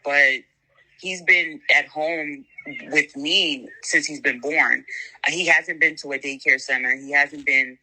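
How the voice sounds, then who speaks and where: Bright-toned New woman calling in. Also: sits low, fairly even intonation, poor audio. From the Bronx, New York. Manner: earnest, halting, searching for words. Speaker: caller. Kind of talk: phone-in call.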